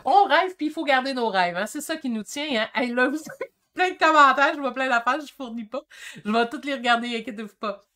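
A woman in her fifties with a Québécois French accent, chatting excitedly while reading viewer comments on her painting stream. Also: high voice. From Quebec. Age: 50s. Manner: excitable and chatty, quick shifts in energy. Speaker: painting channel host. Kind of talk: casual livestream chat reading comments.

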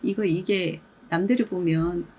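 A woman talks through calming habits in a relaxed, chatty coaching style, slipping into quick acted-out examples and laughing now and then. Her voice is mellow and warm, with a faint hiss behind it. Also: lowish voice, poor audio. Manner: chatty, demonstrative, acts out little scenes, laughs often. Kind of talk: casual instructional talk.

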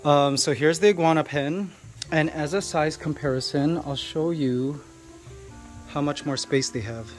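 A man's voice: fairly high pitch, unhurried, faint music behind. Chatty man showing off an outdoor pet pen. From Canada. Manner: chatty, explaining to viewers while handling pets. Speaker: vlogger. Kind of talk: casual vlog walkthrough. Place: outdoor animal enclosure.

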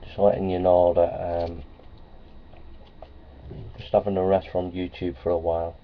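A vlogger with a deep voice rambles into a close webcam, keeping his tone level and his pace unhurried. His talk is plainspoken and repetitive, thick with ums and uhs. He sits in a small office with framed certificates on the wall, and the lo-fi webcam audio is dull, with a faint hiss.

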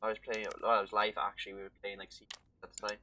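Speaking in a low, pushed and bright voice, this young Welsh streamer fires off words rapidly with a completely flat delivery as he plays a game at home. He rambles chattily to his chat over a headset, with slight background noise.

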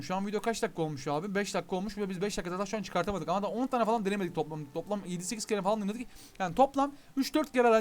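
A young man with a Turkish accent giving casual gameplay commentary as a YouTuber, chatty and pleading with the game while talking to his viewers. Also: high voice. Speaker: gaming YouTuber.

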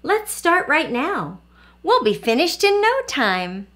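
An impatient little girl pipes up in a high, excited voice, eager to go outside and hurry things along, as a woman reading aloud puts her on. Her voice jumps well above the reader's own. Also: slow, exaggerated voice.

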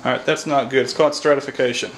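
A rapid-fire HVAC technician in his thirties with a Kentucky accent explains heating and air repair on the job, moving from outdoors by an AC unit to inside a house. His medium-pitched voice holds a steady tone, caught on a camera mic with a little hiss or hum. He's folksy, thinks aloud, and says "all right" frequently.

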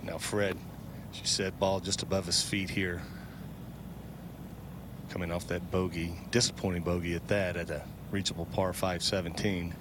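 Deep-voiced male golf commentator, noisy broadcast. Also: flat delivery, normal speed. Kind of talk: conversational live golf commentary. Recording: clearly noisy outdoor broadcast.

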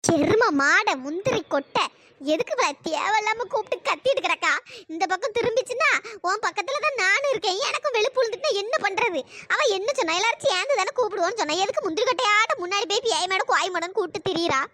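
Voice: very high-pitched, lively intonation, fast, sharp tone, heavily acted. An actress voicing an irritated village woman muttering insults in a cartoon. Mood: grumbling. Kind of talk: cartoon voice acting.

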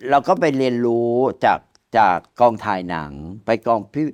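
Older male guest, storyteller type, rough-tongued and jokey, mid-range voice. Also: medium pitch, very animated, normal speed, a little mellow. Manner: blunt, coarse, laughs through his anecdotes. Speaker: veteran film director, guest. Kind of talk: casual storytelling chat.

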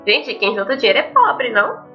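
A young Brazilian woman hosts a let's play of a visual novel at home in front of a webcam, commenting casually and reading the game text aloud. Her highish voice swings widely in pitch and runs a little fast, and the muffled lo-fi mic picks up game music behind her.

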